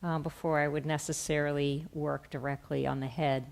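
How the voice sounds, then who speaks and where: A middle-aged woman gently and softly explaining a hands-on therapy demonstration step by step on stage. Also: low-pitched, flat delivery, moderate pace, vocal fry. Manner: gentle, soft-spoken. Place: on a stage in a theatre, indoors.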